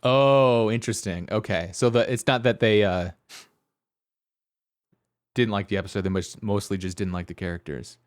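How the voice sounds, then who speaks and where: A man co-hosting a podcast in casual chat, relaxed and laughing often. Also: on the low side, normal speed, long pauses, clear, resonant tone, dry recording, studio quality. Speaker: podcast co-host.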